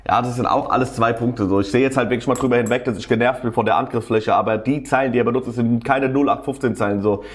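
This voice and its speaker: A man's voice: mid-range voice, fairly even intonation, fast, hardly any pauses. A man casually commenting on a rap battle as a tutorial host, slangy and enthusiastic, often laughing.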